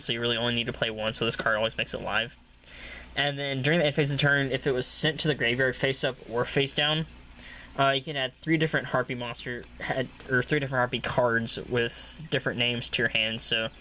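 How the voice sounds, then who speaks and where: Casual male deck reviewer with a bright, sharp voice; rambles with fillers and coughs now and then. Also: medium pitch, slight background noise. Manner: rambling, many filler uhs, repeats "really, really". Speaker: card game deck reviewer. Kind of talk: casual deck profile talk.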